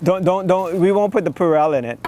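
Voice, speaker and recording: A man's voice: high voice, fairly quick, dark tone, slight background noise. A Bahamian man hosting a casual talk show, laughing often and stumbling over repeated words. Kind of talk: casual chat.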